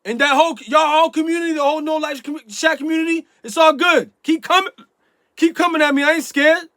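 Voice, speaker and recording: High-voiced, rambling casual vlogger man. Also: fairly even intonation, fast, dry recording, clean studio sound. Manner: rambling, many restarts and repeated fillers; bursts into loud emphatic yelling. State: stuffy nose. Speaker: YouTube vlogger. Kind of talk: casual vlog chat to camera.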